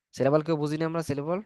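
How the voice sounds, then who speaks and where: A man's voice: on the high side, creaky, darkish tone, no room sound. Male teacher, dry close sound. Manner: coaxing, repetitive, asks students to answer. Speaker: spoken English teacher. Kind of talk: online class lecture.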